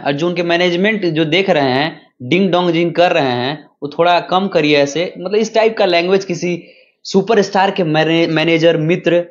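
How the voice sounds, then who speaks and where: A male interviewer asking probing, conversational questions. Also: a little high. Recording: dull lo-fi sound.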